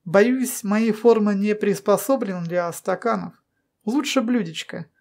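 A woman voicing an elderly male professor who now lives in a dog's body, speaking in a calm, understated way in an audiobook. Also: mid-range voice, a little slow. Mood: wry.

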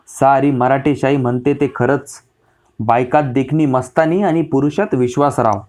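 Brief: man, mid-range pitch, measured historical audiobook narration. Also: a little mellow. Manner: measured, literary storytelling.

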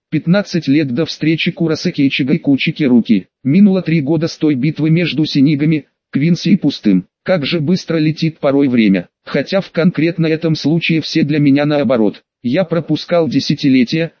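A man reads a first-person audiobook in a steady storytelling way. His voice is fairly high and dry, with no room sound. The recording sounds dull and lo-fi. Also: fairly quick, hardly any pauses, no echo. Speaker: audiobook reader.

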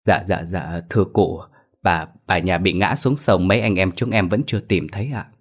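A man's voice: low voice, normal speed. A man doing a stammering frightened servant. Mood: fearful. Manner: stammering, deferential. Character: stammering young male servant, fearful.

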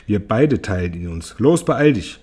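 A man voicing a greedy, cruel elderly aunt with a husky voice in a storybook reading, ordering people around scornfully. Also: lowish voice, sing-song, a little slow, dark tone, exaggerated voice. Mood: scornful bossy. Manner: scornful, commanding.

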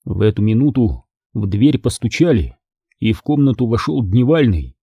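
A man narrating a war novel in the first person, in measured storytelling. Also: fairly low pitch, very animated, breathy edge, no echo, dull audio. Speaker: audiobook narrator.

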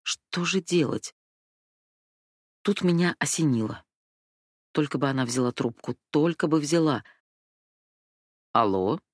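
A woman's voice: deep voice, unhurried, long pauses, breathy edge, no room sound, studio quality. A woman narrating an audiobook in the first person, telling the story anxiously and with emotion.

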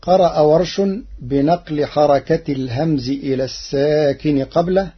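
A man giving a formal radio lesson on Quran reading, measured and deliberate, drawing out the words he quotes. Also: a little high, breathy edge. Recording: dull lo-fi old radio broadcast.

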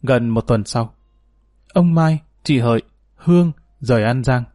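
A man reads a sorrowful story aloud in calm, measured scripted narration. His voice is mellow and dark, at a middle pitch. The recording is dry and close. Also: no echo.

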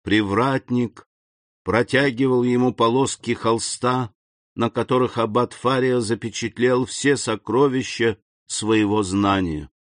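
A man reading a classic novel aloud as audiobook narration, slow and even. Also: medium pitch, no echo, clean studio sound. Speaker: audiobook reader. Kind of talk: scripted narration.

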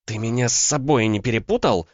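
A fiery young woman with a sharp, scornful tongue, pitched far up and loud, as a male reader puts her on. She sounds dry and a little dull on the recording. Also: brisk, no echo, close to an everyday voice. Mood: accusing. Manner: sharp, scornful, shrill when shouting. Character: fiery young woman, proud and quick to anger.

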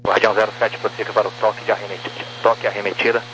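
A man's voice: lowish voice, flat delivery, rapid-fire. A man with a Brazilian accent giving clipped, procedural air traffic instructions over two-way radio, reading out numbers digit by digit. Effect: two-way radio transmission.

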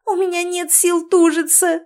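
A woman voicing a frightened young woman in labour, speaking in a high, tearful, pleading way. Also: little pitch movement, moderate pace, darkish tone.

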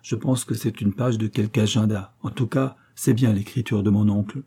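A man voicing a desperate young gentleman who feels hunted by fate, telling his story anxiously. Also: on the low side, steady tone, moderate pace, husky.

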